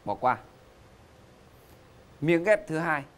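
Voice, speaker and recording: A man's voice: fairly high pitch, lively intonation, very slow. Playful male game show host, noisy studio. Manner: joking, teasing, theatrical emphasis. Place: TV studio stage.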